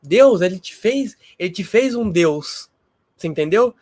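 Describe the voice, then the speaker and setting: A man's voice: high voice, animated, a little slow, darkish tone, dry recording, studio quality. A man hosting a spiritual livestream, teaching casually and emphatically and repeating himself.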